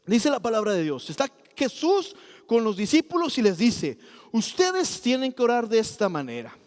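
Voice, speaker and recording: A man preaching a sermon and telling a personal story in an animated way, acting out the voices he quotes. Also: high-pitched, big-room sound. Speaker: pastor.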